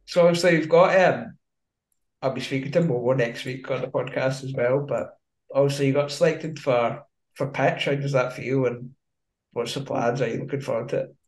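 A man's voice: medium pitch, moderate pace. Echoey Scottish man hosting casual chat. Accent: broad Scottish. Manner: informal, matey, slangy. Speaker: podcast host. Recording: echoey room sound.

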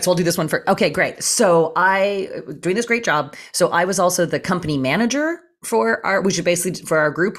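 A woman casually telling a funny story in a chat, animated and acting out quoted lines. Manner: animated, acts out quotes in a high voice.

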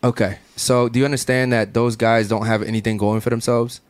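A man's voice: mid-range voice, flat delivery, clean tone, no echo. A man hosting a casual podcast chat, brash and profane, firing off questions to guests. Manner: brash, profane, rapid-fire. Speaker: podcast host. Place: Miami studio.

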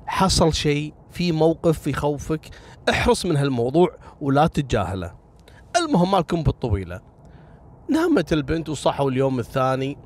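A man's voice: mid-range voice, slight background noise. A man narrating a story casually, speaking straight to his listeners with moral asides. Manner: chatty, addresses listeners directly with moral asides.

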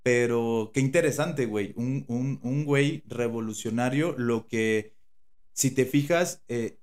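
A man's voice: mid-range voice, a little slow, a little mellow. A man with a Mexican Spanish accent co-hosting a podcast in casual chat, slangy and rambling, with many fillers and restarts. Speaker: podcast co-host.

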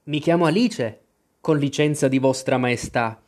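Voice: mid-range voice, unhurried, a little mellow, natural voice. The narrator voicing Alice, a polite, curious little girl who speaks timidly.

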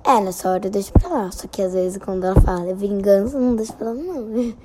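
A young girl answering questions in a hesitant, soft-spoken way. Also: mid-range voice, fast, background noise. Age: child. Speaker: interviewee. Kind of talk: casual chat.

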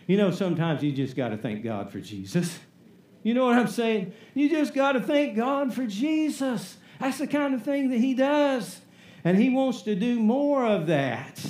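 Man, pastor preaching, high voice, emphatic call-and-response, echoey church. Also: very animated, unhurried, darkish tone. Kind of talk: sermon.

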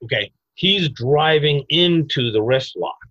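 A fairly high, husky male voice, talking through self-defense moves in an animated, emphatic way with sudden loud exclamations. The sound is dry and a little dull, like lo-fi audio. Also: a little slow, dry recording. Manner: emphatic, animated explaining with bursts of mock shouting. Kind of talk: conversational podcast interview.

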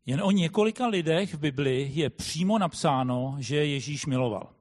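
A man preaching a sermon in a thoughtful way, often pausing with hesitant fillers as he explains. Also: a little high, expressive, a little mellow. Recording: long hall reverb.

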